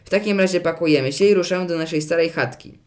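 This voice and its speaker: A man doing a calm, wise eldest pig. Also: a little high, fast talker, close to an everyday voice. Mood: reassuring. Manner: calm, reassuring. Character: sensible eldest little pig brother, calm and steady. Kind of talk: storybook reading.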